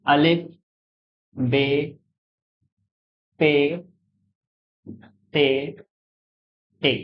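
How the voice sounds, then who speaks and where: A male tutor gives a patient online lesson, asking his students a question and then answering it himself. He goes over each point more than once. The recording sounds dull and lo-fi. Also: a little high. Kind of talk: online exam-prep lesson.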